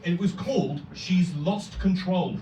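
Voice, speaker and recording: Performing stand-up in a comedy club, a young man with a high voice speaks at a measured pace, talking conversationally with crude language and acting out quoted voices. He's recorded off-mic from a distance, giving a roomy live-club sound, with loud laughter and noise from the audience.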